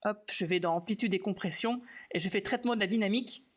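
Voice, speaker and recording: Man, casual live tutorial, relaxed, self-mocking, thinking aloud, lots of fillers. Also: sits high, fast. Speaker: graphic designer teaching software on a live stream.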